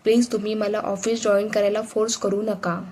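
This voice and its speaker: A protective young husband, read by a woman storyteller, speaking with firm, held-back anger. The delivery is flat and even, close to the narrator's own voice. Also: medium pitch, moderate pace, a little hiss or hum, close to an everyday voice.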